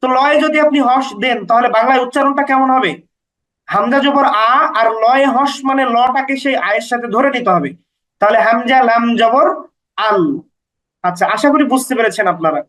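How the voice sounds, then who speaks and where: A man teaching Quran recitation, patiently repeating letter names and vowel marks slowly for his listeners to follow. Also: extremely high pitch, a bit bright, low-quality recording. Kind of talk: step-by-step recitation lesson.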